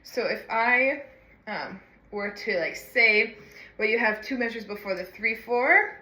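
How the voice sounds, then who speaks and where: Bright-voiced female music teacher, counts and scats rhythms, echoey room. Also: fairly high pitch, lively intonation, a little slow, a little hiss or hum. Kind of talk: instructional walkthrough with sung rhythms.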